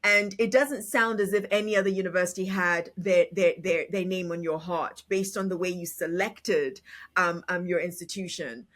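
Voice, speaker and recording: Expressive woman interviewer. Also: on the low side, normal speed. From raised in England and Africa. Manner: expressive, emphatic, restarts phrases. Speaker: podcast host. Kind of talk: conversational interview.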